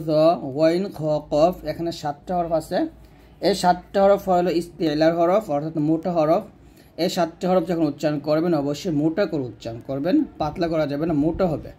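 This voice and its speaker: A man teaching Quran reading, drawing out each letter in slow step-by-step drills. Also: fairly high pitch, warm tone. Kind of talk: step-by-step recitation lesson.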